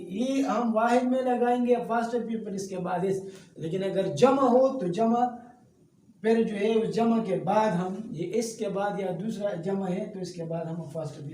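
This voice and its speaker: A male teacher with a fairly high, mellow voice walks through a grammar lesson one step at a time, regularly checking in with his listeners. He sits back from the microphone in an echoey room, with a faint hiss underneath. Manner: explains step by step, often checking in with "okay". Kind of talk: classroom-style grammar lesson. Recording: echoey room, distant mic, faint noise.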